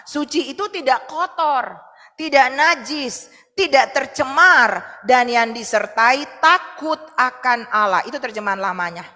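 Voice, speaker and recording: A woman pastor preaching a sermon in an animated way, acting out the voices she quotes. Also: sits high, unhurried, in a large hall. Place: church hall.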